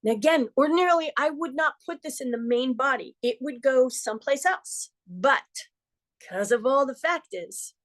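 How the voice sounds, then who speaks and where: A middle-aged woman hosts an astrology forecast in a somewhat high voice. She talks earnestly and conversationally, slipping in playful asides. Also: expressive, moderate pace. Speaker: astrologer host.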